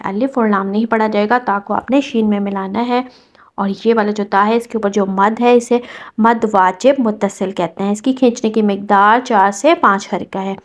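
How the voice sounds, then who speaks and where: A woman teaching Quran recitation rules step by step, patiently explaining and reciting verses slowly. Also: medium pitch. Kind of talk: tajweed lesson explaining rules.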